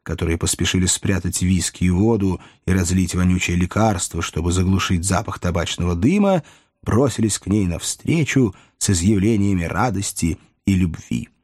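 A man reading a classic novel aloud as an audiobook narrator, measured and expressive. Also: sits low, dry recording, clean studio sound. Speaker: audiobook reader.

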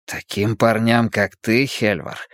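Quiet, slow, low young gang leader, cold and menacing, as a male storyteller puts him on. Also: no echo, clean studio sound. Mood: cold, commanding.

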